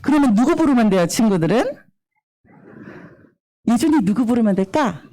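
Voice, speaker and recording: A woman in her thirties giving a lively children's sermon, acting out little children and bible characters as she goes. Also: on the high side, moderate pace. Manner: animated, acts out children's cries and bible characters. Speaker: children's ministry preacher.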